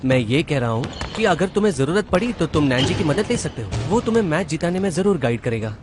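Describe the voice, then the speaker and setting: A man's voice: a little high, big pitch swings, fast. A man voicing a hot-headed teen boy. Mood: brash. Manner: brash, confrontational. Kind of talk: Hindi dubbing of a TV drama. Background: background music.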